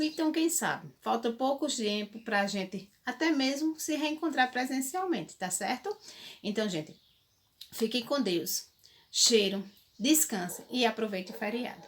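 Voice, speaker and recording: A woman teaching a remote lesson to young children in Brazilian Portuguese. She talks slowly and patiently, spells out syllables and keeps checking that the class follows. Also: a little high. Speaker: primary school teacher.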